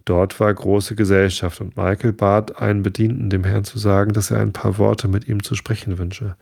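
A man reading a fairy tale aloud in a steady, measured way. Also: lowish voice, vocal fry, breathy edge, dry recording, clean studio sound. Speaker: narrator. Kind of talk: storybook reading.

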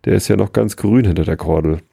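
Brief: kindly old Santa Claus, read by a man, jovial storybook voice, dark and husky, dry close recording. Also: low-pitched, fast talker, dry recording, exaggerated voice. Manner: jovial, warmly explaining. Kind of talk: storybook reading.

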